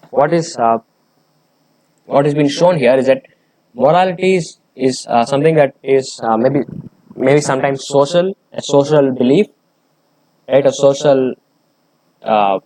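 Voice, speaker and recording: A man's voice: mid-range voice, mellow, no echo, low-quality recording. A man reading a research paper aloud and explaining it, hesitant, with many fillers and restarts.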